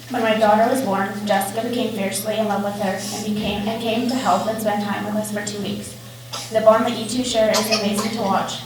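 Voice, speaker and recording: A young woman giving a sincere, affectionate prepared wedding toast, as the sister of the bride. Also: mid-range voice. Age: young adult. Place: large echoey indoor reception room, mic far away. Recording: very echoey, distant, noisy event hall.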